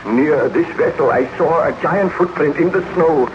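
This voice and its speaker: A man's voice: a little high, normal speed, natural voice. A man acting a haunted, melodramatic Baron Frankenstein. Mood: urgent, grave. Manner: melodramatic, declamatory, solemn. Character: haunted, remorseful baron and scientist confessing his crimes. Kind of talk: 1930s radio horror acting. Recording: dull, noisy old 1930s radio recording.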